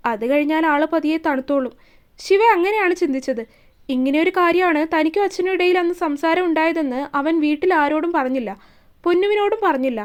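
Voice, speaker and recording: A woman storyteller reading a romance story aloud in a steady, expressive way. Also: high-pitched.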